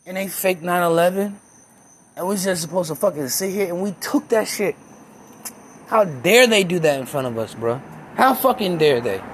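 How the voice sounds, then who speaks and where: A young man with a high voice rants in a heated, rambling and profane way. The faint hum of a vehicle runs in the background of the recording. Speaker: self-described conspiracy theorist. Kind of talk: casual rant.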